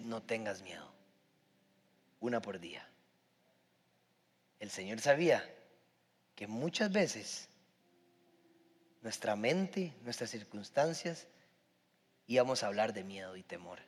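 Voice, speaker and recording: A man with a Costa Rican accent preaching a sermon as a pastor, emphatic, with sudden swings in loudness. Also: medium pitch. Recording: long reverb in a large hall.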